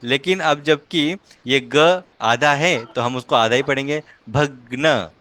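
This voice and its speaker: A man teaching a one-on-one reading lesson, patiently explaining letter by letter and repeating each word slowly. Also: mid-range voice, pushed and bright, dry recording. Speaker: language teacher.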